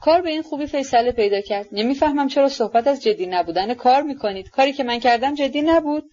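A woman's voice: high-pitched, lively intonation, a little mellow, voice pushed up. A proud young woman who speaks coldly and commands the room, as a woman narrator puts her on. Her tone is haughty and cutting. The audiobook sound is dull and muffled. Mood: mocking. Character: proud, imperious young woman, cold and mocking.

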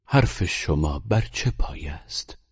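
A haughty Frenchman drawls his disdain, as a man narrating the story gives him voice. The tone is husky and the audiobook sound is dull and lo-fi. The recording is dry. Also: low-pitched, animated, no room sound, pitched below the performer's own voice, exaggerated voice. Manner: disdainful, slow. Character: haughty mocking Frenchman, adult male.

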